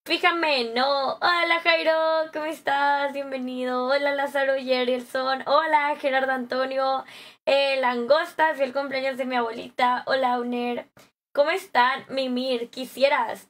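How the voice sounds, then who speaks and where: A young Mexican woman streaming live, chatting with viewers in a bubbly, slangy way, her voice a little hoarse from a sore throat. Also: high-pitched, flat delivery, a little slow, a bit bright. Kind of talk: live stream chat, greeting viewers and reading comments.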